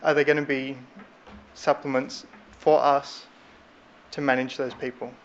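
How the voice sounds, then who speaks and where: Even-toned man, dull noisy recording. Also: mid-range voice, measured pace. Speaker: licensed business representative questioning council. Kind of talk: questions at a public meeting. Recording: dull, faintly noisy meeting room audio.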